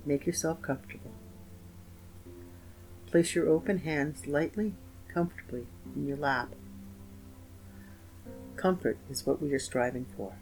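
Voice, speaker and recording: A man's voice: fairly high pitch, rough recording. Soothing man guiding meditation over music. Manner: slow, gentle, soothing delivery with pauses. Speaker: guided meditation narrator. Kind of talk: scripted guided meditation. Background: soft instrumental music with guitar.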